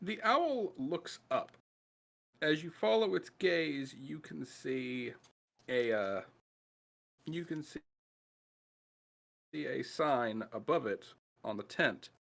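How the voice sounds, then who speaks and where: Lively game master with a bright voice. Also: male voice, a little high, takes it slowly, vocal fry, pauses often. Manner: casual, swears and laughs, fillers while narrating. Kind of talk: narrating a tabletop game.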